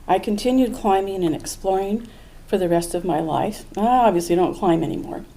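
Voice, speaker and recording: A woman's voice: medium pitch, normal speed, gravelly, mellow, low-quality recording. An older woman telling a true story at a live event, in an earnest, reflective way. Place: small museum event room.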